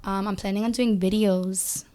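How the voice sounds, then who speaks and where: A woman's voice: mid-range voice, fairly even intonation, normal speed, dark tone, smooth, faint music behind. A woman singer guesting on a podcast, talking casually with many "like" fillers and some swearing. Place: podcast studio.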